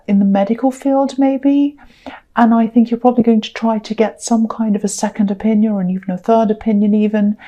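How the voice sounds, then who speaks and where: A woman reading tarot cards to her viewers in an unhurried monologue. Her voice is mellow and warm, with a middling pitch. She is earnest and reassuring, and she repeats herself and fills gaps with ums and you-knows. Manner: earnest, reassuring, with frequent fillers and repetition. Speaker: tarot reader.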